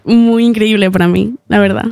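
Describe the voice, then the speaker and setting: As a radio interview guest, a young woman born in Ecuador, who has lived in Spain since age eight, chats casually and giggles often. Her medium-pitched voice is creaky and a little mellow, with fairly even intonation and normal speed. The studio sound is dry and close, with no echo.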